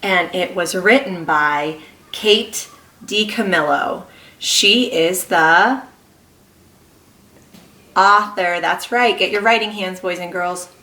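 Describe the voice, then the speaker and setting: A woman kindergarten teacher reads a story aloud to young children, expressive and encouraging, pausing to ask them questions. Her voice is lowish, she is far from the mic, and the room echoes.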